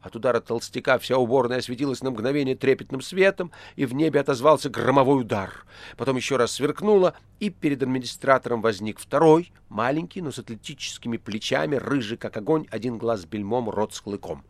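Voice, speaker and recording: A man narrating an audiobook in an expressive reading voice. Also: medium pitch, fairly quick, dry recording. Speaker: audiobook reader. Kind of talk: literary narration.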